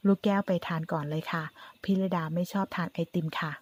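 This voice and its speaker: A woman reading a proud, guarded young heroine, low and husky. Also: steady tone, brisk. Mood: cool.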